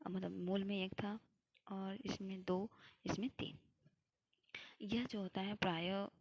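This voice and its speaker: A woman's voice: lowish voice, vocal fry, husky. A young woman teaching Hindi grammar for an exam, explaining step by step and answering her own questions. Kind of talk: classroom lecture.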